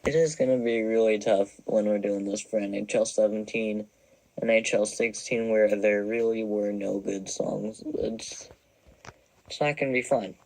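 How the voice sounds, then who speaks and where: A man's voice: lowish voice, steady tone, unhurried, a little mellow, low-quality recording. A young man in his twenties giving casual, wry commentary as he ranks songs, rambling and self-deprecating. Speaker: video creator ranking songs.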